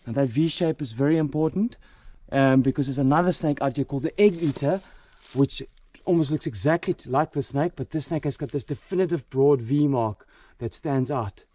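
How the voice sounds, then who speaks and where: A man presenting wildlife to camera outdoors at night, full of wonder and often dropping to a hushed, gentle voice. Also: medium pitch, moderate pace, distant mic. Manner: awed, repeats exclamations of wonder. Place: outdoors at night in a forest by water.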